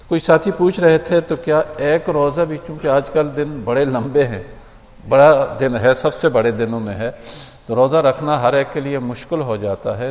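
A man gives a steady, explanatory talk to his congregation as an imam, pausing now and then on short fillers. His voice sits at an ordinary middle pitch. The sound carries a long reverb from a large prayer hall. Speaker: imam giving a mosque talk.

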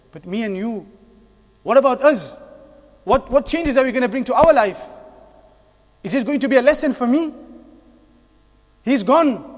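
In a mosque hall full of long, echoing reverb, a male preacher with a high-pitched voice gives a sermon. His tone is earnest and exhortative, built on repeated phrases and rhetorical questions.

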